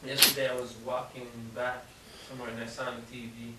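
A man's voice: mid-range voice, little pitch movement, quick pace. A man in an audience asking questions hesitantly, searching for words as he goes. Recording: echoey, distant mic, loud noise and clicks.

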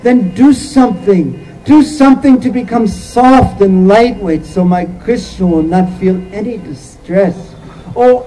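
A man's voice: sits high, mellow, rough recording. A man voicing the loving, anxious mother Yashoda, quoting her pleading words during a sermon. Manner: pleading, heartfelt storytelling quotes.

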